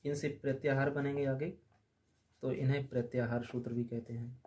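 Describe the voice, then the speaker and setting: A man teaching a grammar lesson, drilling letters aloud and repeating them slowly for the class. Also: medium pitch, flat delivery, a little mellow.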